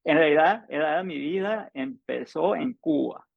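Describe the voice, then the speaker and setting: A man's voice: fairly high pitch, normal speed, creaky, narrow, tinny audio, a crowd in the background. A man in his seventies speaking conversationally with a Cuban-style Caribbean Spanish accent, often repeating words and restarting phrases as he explains. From United States, born in New York, partly raised in Spanish-speaking countries. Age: 70s. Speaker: polyglot language mentor and guest.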